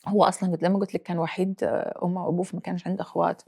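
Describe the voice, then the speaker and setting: A Libyan-accented woman in her forties tells her story in an interview. She is reflective and halting, slipping English phrases in as she goes. Her voice has a gravelly, creaky texture. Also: fairly low pitch, level tone, mellow. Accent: Libyan Arabic. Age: 40s. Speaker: guest. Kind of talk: personal interview.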